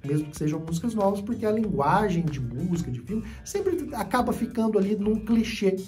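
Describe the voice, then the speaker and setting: A woman's voice: mid-range voice, lively intonation, fairly quick, warm tone, faint music behind. A Brazilian woman teaching English whose first language is Portuguese, explaining at length with many repetitions and restarts. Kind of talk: online English lesson.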